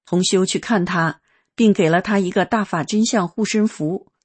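Husky woman reading a personal testimony. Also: mid-range voice, normal speed. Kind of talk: read-aloud first-person testimony.

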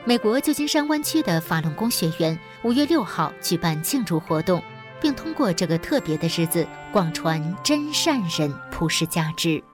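A woman anchoring a news program, announcing the stories with lively intonation. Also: lowish voice, moderate pace, music in the background. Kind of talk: scripted news narration.

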